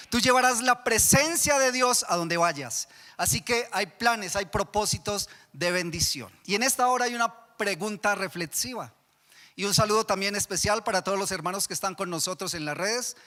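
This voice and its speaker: A Colombian-accented pastor delivers a sermon in a high-pitched, bright, forceful voice, stopping again and again to question his congregation. The church hall gives the recording noticeable reverb.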